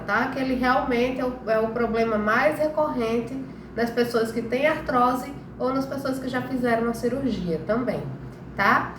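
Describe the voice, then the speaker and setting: This Brazilian woman, still congested from a cold after the flu, has a slightly nasal voice that sits a little high. She hosts a health live stream, explaining things casually and frequently tagging in to make sure her audience keeps up, in an echoey room where background noise comes through clearly.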